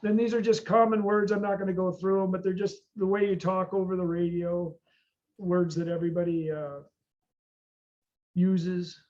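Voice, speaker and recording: A man with a high-pitched American voice lectures informally to a class. He is folksy and rambles, drifting into hesitant asides. The recording is dull and lo-fi. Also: level tone, normal speed, a little mellow. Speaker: boating class instructor.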